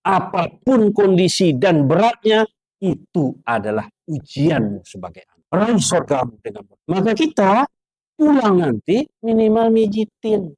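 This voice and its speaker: High-voiced guy preaching to students, acts out angry parents, loud then hushed, dry close sound. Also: a little slow, dry recording. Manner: animated, acts out scolding parents with sound effects; swings from loud raised lines to low hushed asides. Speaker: preacher at an Islamic boarding school. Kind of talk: sermon to students.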